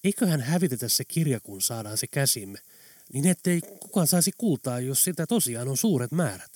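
A man voicing a cautious middle-aged male shopkeeper who speaks quietly and hesitantly. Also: mid-range voice, expressive, no echo, studio quality, lightly acted.

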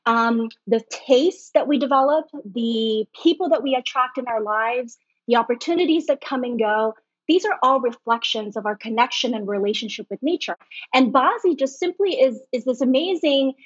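A middle-aged woman from Hong Kong, a guest on a podcast interview, explaining things warmly and laughing easily. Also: fairly high pitch, no echo. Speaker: guest, BaZi reader and feng shui master. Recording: dull lo-fi, dry.

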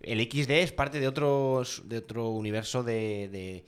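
A man's voice: mid-range voice, measured pace, clear, resonant tone. A man co-hosting a casual podcast chat, explaining things in a playful way. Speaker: podcast co-host.

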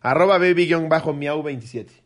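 A man's voice: fairly high pitch, fairly quick. A man with a Mexican accent hosting a casual comedic chat, crude and teasing.

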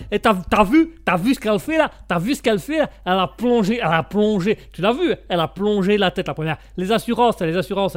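A man's voice: on the high side, close to an everyday voice. A man voicing a foul-mouthed car rental mechanic who rants, sputters and swears in fury.

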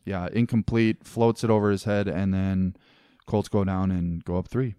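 A man with a low, smooth, resonant voice, co-hosting a casual sports podcast. He breaks in with quick, animated exclamations. The recording is dry and close. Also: dry recording. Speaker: podcast co-host.

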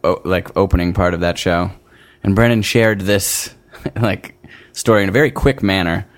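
A man hosting a casual comedy podcast in a halting, chuckling delivery. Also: low voice. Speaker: podcast host.

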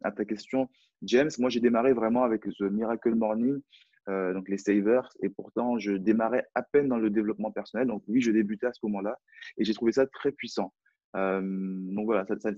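A French-accented man with a low, dark and husky voice talks through his routines in a relaxed, halting way, full of fillers and restarts. The sound is dull and dry, like a lo-fi live call. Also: dry recording. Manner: hesitant, many fillers and restarts. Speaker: personal development coach. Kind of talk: casual live discussion.

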